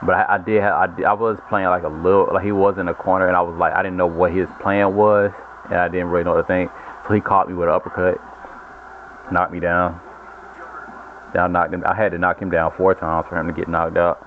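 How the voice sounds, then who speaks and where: A man's voice: deep voice, flat delivery, brisk. A man giving casual, rambling commentary while he plays a video game. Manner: rambling, self-correcting storyteller. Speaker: gaming channel host. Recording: lo-fi phone-like audio with noise.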